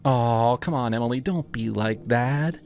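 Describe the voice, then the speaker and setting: A man's voice: medium pitch, a little slow, darkish tone, voice pushed up, lightly acted. A man voicing a creepy mid-twenties male delivery driver who talks in a sleazy drawl broken by wheezing chuckles. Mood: leering, sleazy.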